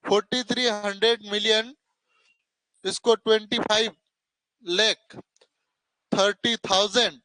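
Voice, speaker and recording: A man's voice: high voice, pushed and bright, no room sound, rough recording. A male teacher giving a classroom lecture, asking questions and answering them himself, calling students "beta" and correcting himself as he goes. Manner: corrects himself mid-explanation.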